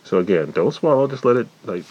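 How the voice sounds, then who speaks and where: A man's voice: mid-range voice, very animated, fast talker, a little mellow, slightly rough. A man hosting a casual video, his voice muffled by a face mask, explaining and guiding step by step. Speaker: vlog host. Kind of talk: casual chat.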